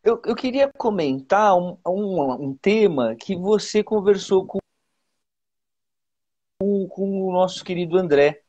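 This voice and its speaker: A male teacher with a Brazilian Portuguese accent, giving exam advice in a casual, halting way with many repeated words and fillers, over a video call. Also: sits high, a little mellow, lo-fi sound. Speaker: teacher, guest.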